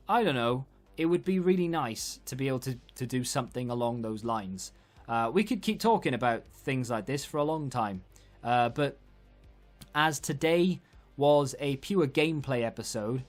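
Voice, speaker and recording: Conversational man with music behind him. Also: mid-range voice. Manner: conversational, thinking aloud. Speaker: gaming video host. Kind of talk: casual rambling video game commentary. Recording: background music. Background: music under the voice.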